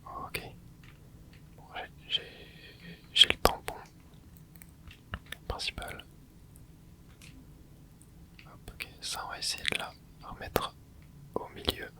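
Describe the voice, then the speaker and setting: This ASMR gamer talks slowly in a whisper, narrating their play and muttering hushed reactions right up against the microphone. Long pauses break up the commentary.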